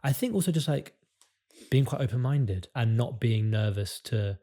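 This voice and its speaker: Man, 20s, warm mellow voice, candid chatty band guitarist. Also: medium pitch, expressive, moderate pace. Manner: candid, chatty, self-deprecating. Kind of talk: casual interview chat.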